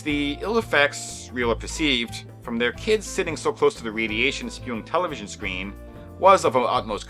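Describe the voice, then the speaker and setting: A man's voice: medium pitch, pushed and bright. A man reading scripted retrospective narration in a formal, emphatic manner with a wry edge. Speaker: documentary narrator. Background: faint music.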